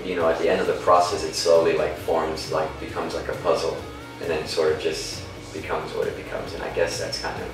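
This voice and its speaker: A man's voice: rumbling low, completely flat delivery, brisk, gravelly, few pauses. A man from Denmark, a band singer rambling loosely in a casual interview. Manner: rambling, full of restarts and fillers. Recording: echoey room from far off, music behind.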